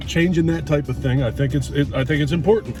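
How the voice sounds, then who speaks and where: A man's voice: a little high, moderate pace, recorded from a distance, music in the background. A middle-aged man vlogging in a casual, candid way as he chats over a meal, speaking bluntly and reflectively with some swearing. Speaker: YouTube vlogger. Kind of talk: casual, candid chat to camera and companion while eating.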